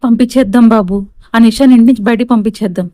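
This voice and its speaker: A woman's voice: a little high, fast, warm tone, no room sound, natural voice. A woman voicing a devoted young wife who is earnest and wary, talking in a respectful way.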